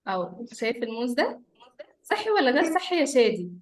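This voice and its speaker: A woman's voice: fairly high pitch, big pitch swings, quick pace. A woman with an Egyptian Arabic accent teaching an online class, talking to small children in simple questions, repeats and coaxing praise. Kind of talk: interactive lesson for small children. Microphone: computer or phone on a video call.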